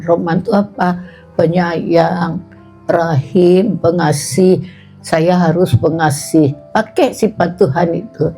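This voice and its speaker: Woman religious speaker, husky dark voice, unhurried homely delivery. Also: on the low side. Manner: homely, colloquial, repeating points with "nah" and "tuh". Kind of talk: casual religious talk to staff.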